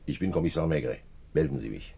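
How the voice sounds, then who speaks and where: A man playing a gruff, authoritative police commissioner in a 1950s German radio drama, terse and commanding, with a gravelly, husky voice. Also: very deep voice, quick pace, mellow, heavily acted. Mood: blunt, commanding.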